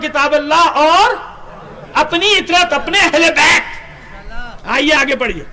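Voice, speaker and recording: High, bright-voiced male preacher. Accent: Pakistani Urdu. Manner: rhetorical, asks the audience questions, chants Arabic slowly. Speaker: Shia cleric. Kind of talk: majlis sermon with hadith reading.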